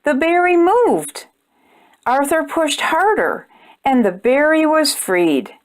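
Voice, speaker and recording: Speaking slowly, a woman with a high voice and wide swings in pitch hosts storytime for children. She reads the story with lots of expression and addresses the little listeners directly.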